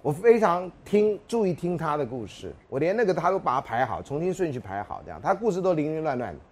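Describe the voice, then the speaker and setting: A man lecturing on sociology in a classroom. He talks quickly and his pitch leaps around as he acts out dialogue from his stories, throwing in rhetorical questions to the class. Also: big pitch swings.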